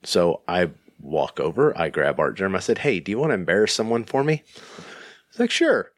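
A man telling a casual podcast anecdote in a halting, rambling way, often repeating words. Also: sits low, no room sound, studio quality.

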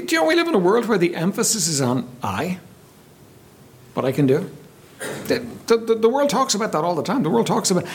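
A man's voice: sits high, breathy edge. A man preaching a sermon in an earnest way, often repeating and restarting his words.

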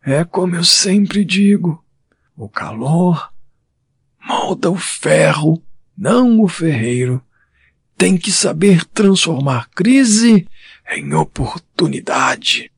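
A man voicing a frail old male blacksmith who speaks slowly, breathily and like a teacher. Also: fairly high pitch, expressive, no echo, clean studio sound, pitched above the performer's own voice, exaggerated voice. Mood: lecturing. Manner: slow, breathy and professorial.

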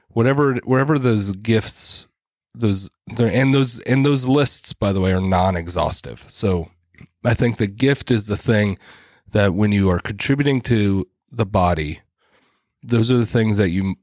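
A man co-hosting a casual church podcast, explaining ideas and citing scripture between quick laughs. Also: lowish voice, darkish tone, no room sound, clean studio sound. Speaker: podcast co-host. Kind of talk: casual chat about church.

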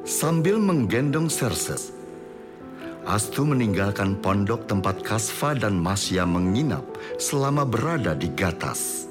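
A man's voice: lowish voice, very animated, takes it slowly, over music. A man narrating a scripted drama in a storytelling style.

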